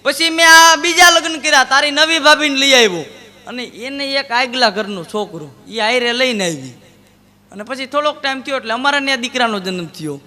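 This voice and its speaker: Man, comic storytelling, very high piercing voice. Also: moderate pace, sharp tone, in a large hall. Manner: telling joke anecdotes in first person, voicing friends in dialogue. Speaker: stand-up comedian. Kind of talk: Gujarati folk comedy storytelling.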